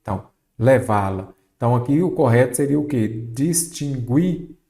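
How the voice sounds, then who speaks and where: A man's voice: medium pitch, creaky, dark tone. A man teaching Portuguese grammar for an exam, often posing a question and answering it himself and stretching out key words. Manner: drawn-out stress on key words. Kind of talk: exam-prep grammar lesson.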